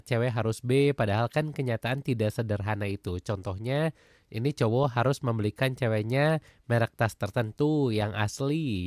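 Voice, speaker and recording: A man hosting a radio talk show, reading a listener's question aloud and turning it over to his guest. His voice sits at an ordinary middle pitch. The sound is dry and close, with no room echo. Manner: brief backchannels, reads listener question aloud. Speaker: radio host.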